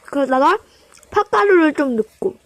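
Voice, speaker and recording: A woman with a high voice hosts a casual snack-eating vlog. She presents to her viewers in polite, simple sentences. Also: animated, normal speed, a bit bright. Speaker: host of a snack eating video. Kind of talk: casual mukbang vlog talk.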